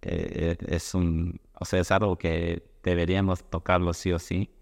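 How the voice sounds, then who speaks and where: Un hombre que conduce una entrevista informal, habla con muletillas y vacilaciones y reacciona con interjecciones suaves. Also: male voice, low-pitched, level tone, a little slow, vocal fry, long reverb tail. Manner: reacts with soft interjections, hesitant phrasing. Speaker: host. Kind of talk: casual conversational interview.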